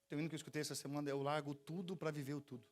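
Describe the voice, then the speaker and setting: A man's voice: on the high side, rapid-fire. A man with a Brazilian Portuguese accent preaching a sermon at a church service, telling stories with jokes and asking the congregation to repeat after him. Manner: lively storytelling with jokes and call-and-response. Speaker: pastor.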